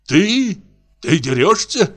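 A man voicing a drunk, bewildered actor who cries out in high, slurred wails. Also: sing-song, drawn-out words, sharp tone, exaggerated voice. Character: drunk bewildered male actor, raving and frightened.

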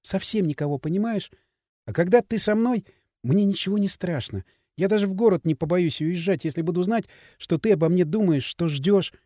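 A male reader voicing a frightened young woman who speaks through tears in halting, pleading phrases. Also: sits high, dark tone, dry recording. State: crying. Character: young woman, tearful and anxious.

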